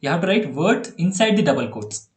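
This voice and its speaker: A man with an Indian English accent tutoring a child in programming on a video call, chatty and quick to laugh. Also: fairly high pitch, big pitch swings, reverberant. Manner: chatty, laughs often, repeats okay and yeah. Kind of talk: online one-on-one coding lesson.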